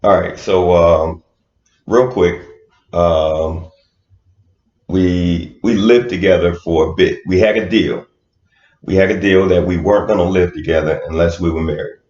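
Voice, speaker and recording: A man's voice: low-pitched, steady tone, a little slow, darkish tone. A man co-hosting a podcast in casual chat, laid-back and hesitant with many fillers. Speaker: podcast co-host. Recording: roomy, dull lo-fi sound.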